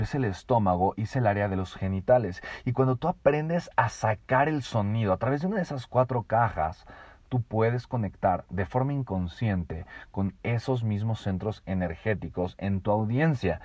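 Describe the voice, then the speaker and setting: Lively male speaking coach, low voice, dry close sound, talks right to the listener. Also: no room sound. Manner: addresses the listener directly, checks in often; animated, acts out vocal examples. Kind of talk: motivational podcast teaching.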